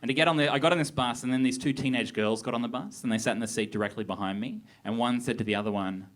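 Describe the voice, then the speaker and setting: A young man doing a stand-up set on a theatre stage, with a deadpan, awkward, self-deprecating delivery. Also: mid-range voice, quick pace. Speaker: stand-up comedian. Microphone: handheld stage mic. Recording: live theatre with crowd laughter. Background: audience laughter.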